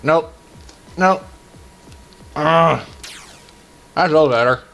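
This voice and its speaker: A man in his thirties giving casual, halting commentary as host of a gaming challenge video, with exclamations and muttered asides. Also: on the high side, vocal fry, fairly bright tone, low-quality recording. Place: small room indoors. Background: music.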